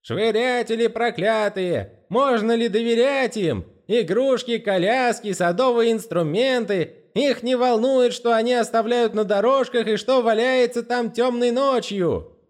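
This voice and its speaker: Wheezy old postman, fussy, pious, high voice, animated, dry close audiobook sound, as a man puts him on. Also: a little slow, no echo. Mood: agitated, proud. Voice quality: wheezy, raspy whisper. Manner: deferential, says sir constantly. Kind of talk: audiobook character voicing.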